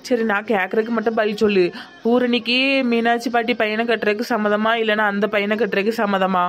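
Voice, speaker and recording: A woman voicing a confident young woman in an animated family drama, reassuring and plotting. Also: medium pitch, a little fast, soft background music, lightly acted. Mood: scheming.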